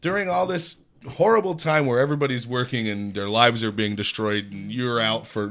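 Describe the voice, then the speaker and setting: A man's voice: mid-range voice, fairly bright tone. A man in his thirties hosting a podcast interview, talking in a loose, rambling way and swearing freely. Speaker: podcast host. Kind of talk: casual interview chat.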